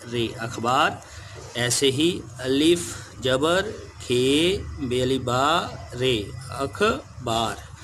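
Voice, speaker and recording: A man's voice: medium pitch, fairly bright tone, a little hiss or hum. A male teacher giving a spelling lesson to children, patiently spelling words out letter by letter.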